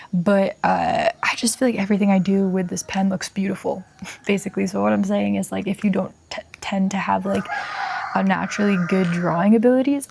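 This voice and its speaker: A young woman chatting casually while she draws in her journal, relaxed and rambling as she thinks aloud into a close microphone. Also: mid-range voice, creaky. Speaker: vlogger. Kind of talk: casual chat while drawing.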